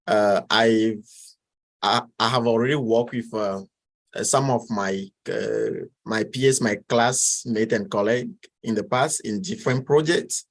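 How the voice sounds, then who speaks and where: A Togolese man in his twenties, appearing as a guest, answers interview questions haltingly, with lots of fillers and restarts. He has a Togolese French accent and a fairly low voice.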